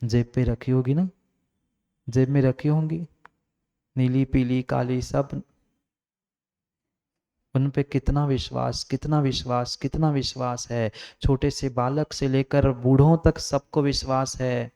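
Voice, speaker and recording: A man delivers a sermon as a monk, pressing his point through repeated phrases. He swings between raised, high-pitched urging and hushed, low passages. His voice is smooth and clear, at an ordinary middle pitch. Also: steady tone, slow, long pauses. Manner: emphatic, repetitive exhortation, swings from raised to hushed. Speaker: Jain monk preacher.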